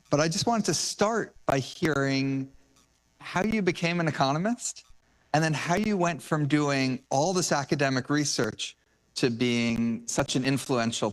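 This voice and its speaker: A man's voice: mid-range voice, poor audio. Male interviewer, mid voice, gracious and slightly stumbling delivery. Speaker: moderator. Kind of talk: stage interview.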